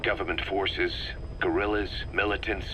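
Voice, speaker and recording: Grave and informative, the mercenary officer briefs his commander in a flat delivery, though his low voice stays forceful, deliberate, and emphatic, wry and intense in a military way. Poor audio with faint background noise.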